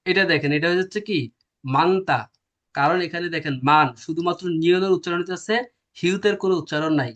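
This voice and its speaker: Male teacher, a bit high-pitched, quizzes the class and answers himself. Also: steady tone, fast talker, fairly bright tone, lo-fi sound. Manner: explains step by step, asks and answers his own questions. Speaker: language teacher. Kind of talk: classroom lecture.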